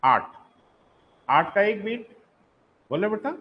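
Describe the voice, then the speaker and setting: A man's voice: sits high, very animated, takes it slowly, lo-fi sound. A male geography teacher with a Hindi accent, giving a live online class. He calls students "beta" and asks and answers his own questions.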